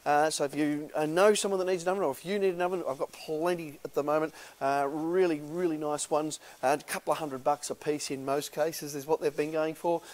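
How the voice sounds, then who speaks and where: A man's voice: on the high side, fairly even intonation, fairly quick, few pauses, a little mellow. A man in his thirties with an Australian accent, an auctioneer giving a casual, upbeat sales walkthrough of a large indoor warehouse, with lots of filler "uh"s.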